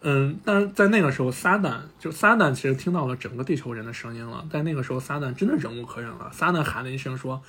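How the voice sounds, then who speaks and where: A man hosting a podcast, casually retelling a cartoon story with animated asides. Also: mid-range voice, quick pace, hardly any pauses, husky. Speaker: podcast host.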